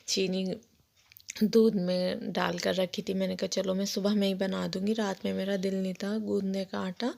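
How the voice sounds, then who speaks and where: A young woman with a slightly hoarse voice, chatting through a homely voice-over of her daily routine for her vlog. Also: medium pitch, a little mellow. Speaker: vlogger. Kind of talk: casual daily-life vlog narration.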